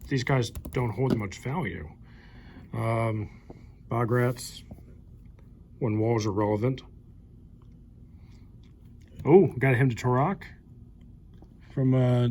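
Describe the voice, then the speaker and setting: Young guy chatting thru old cards one by one, average pitch, little bit of background hiss. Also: darkish tone. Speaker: card collector channel host. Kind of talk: casual card-opening commentary. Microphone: handheld camera mic.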